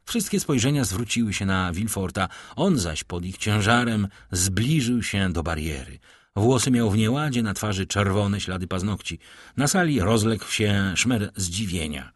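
A man narrating an audiobook in a measured, dramatic storytelling manner. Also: on the low side, lively intonation, no room sound, studio quality.

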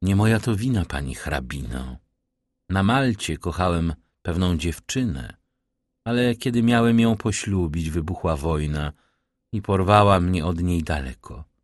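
A man's voice: animated, no room sound, clean studio sound. A man reading a grave, restrained count. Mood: melancholy. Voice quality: low, subdued and measured. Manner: restrained, melancholy replies. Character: grave, reserved nobleman count, middle-aged man.

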